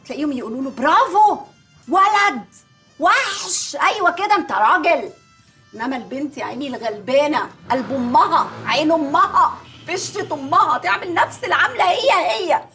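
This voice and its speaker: A high, quick-talking woman firing off an animated comic rant as an outspoken wife and journalist. Her pitch leaps around constantly, and faint music sits under the scene. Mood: indignant rant. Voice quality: animated, ranting, mock-dramatic. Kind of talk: comic TV series acting.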